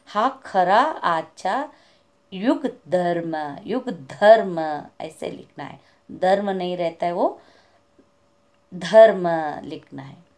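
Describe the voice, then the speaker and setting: A woman teacher, explaining a school language lesson and slowly repeating words for her students. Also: mid-range voice.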